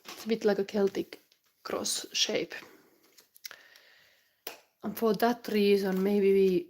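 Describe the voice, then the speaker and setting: Her medium pitch stays level and darkish as she takes things slowly, with slight background noise behind her. A Finnish-accented tarot reader from Finland with the flu, she rambles aloud through a live reading with fillers and restarts and occasional whispers during channeling.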